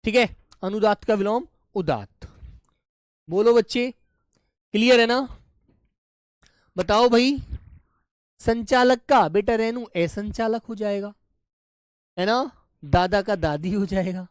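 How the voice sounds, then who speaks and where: Slow-spoken Hindi teacher drilling children. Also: male voice, high voice, smooth, dry recording, studio quality. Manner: repeats each word slowly, addressing children warmly as "pyare bachche". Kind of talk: live online class lesson.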